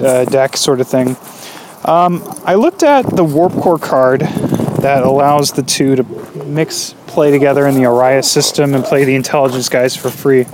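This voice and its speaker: A man hosting a podcast on his own, rambling and hesitant with many fillers, recorded in low quality while walking a dog outdoors. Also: heavy background noise. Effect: low-quality audio, recorded while walking outdoors. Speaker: podcast host. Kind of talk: casual solo podcast chat.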